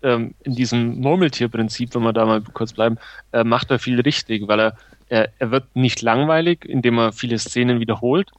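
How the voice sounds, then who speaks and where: A man's voice: mid-range voice, normal speed, dry recording. Man, film podcast co-host, analytical, hesitant, lots of fillers, dry close sound. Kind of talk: casual film review chat.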